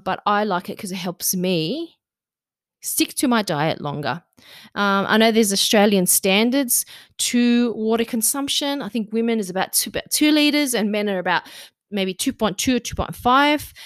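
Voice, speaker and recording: A woman's voice: medium pitch, no room sound, clean studio sound. A woman host giving casual diet and fitness advice in a conversational, instructive way, often posing questions and answering them herself. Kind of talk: casual advice monologue to listeners.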